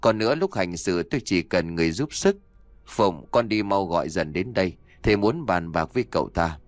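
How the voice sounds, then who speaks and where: Brief: man doing an old exorcist master, low voice, measured and instructive, dry close sound. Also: expressive, dry recording. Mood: calm instructive. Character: old male exorcist master, calm and wise.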